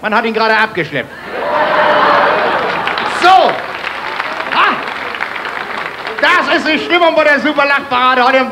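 A man from Hamburg with a Hamburg accent doing rapid-fire stand-up jokes on stage, punchy one-liners, keeps calling the crowd "friends". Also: very high-pitched. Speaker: stand-up comedian. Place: live stage before a laughing audience. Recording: TV show stage recording with crowd noise.

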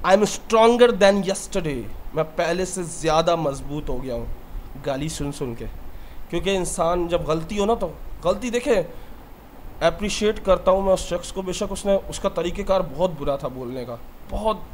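Male english teacher, high voice, earnest motivational talk, faint background hiss. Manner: earnest and heartfelt, speaks about his own mistakes.

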